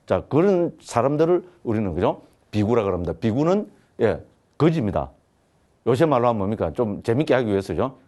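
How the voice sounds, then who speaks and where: A man's voice: mid-range voice, sing-song, brisk, warm tone. A man, a Buddhist monk, lecturing on Buddhist teaching and often putting rhetorical questions to his listeners. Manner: keeps asking the class rhetorical questions.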